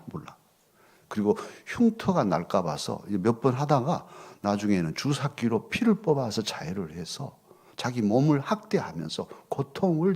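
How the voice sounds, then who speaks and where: A middle-aged male pastor preaching a sermon in a church, moving between loud rhetorical questions and soft, hushed asides. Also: medium pitch, slightly rough. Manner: expressive, swings from loud questions to soft near-whispers. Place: church sanctuary.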